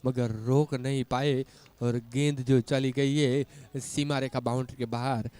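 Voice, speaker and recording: A man giving excited live cricket commentary as a match commentator, his voice rising on the big shots. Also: medium pitch, measured pace, clean tone.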